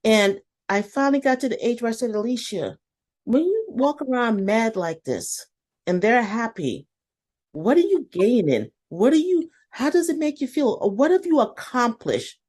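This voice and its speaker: Animated, emphatic woman telling a story. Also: fairly high pitch, moderate pace. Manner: animated storyteller, talks to herself in quotes; emphatic, blunt, motivational. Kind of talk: casual interview conversation.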